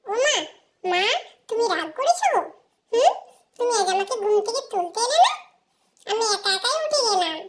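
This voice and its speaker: A woman doing a tiny giggly boy's voice, very high. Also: very animated, moderate pace, long pauses, slight background noise. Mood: teasing. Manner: babyish, giggly, calling out and teasing. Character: small cheeky boy, playful, clingy with his mother. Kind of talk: playful home role-play.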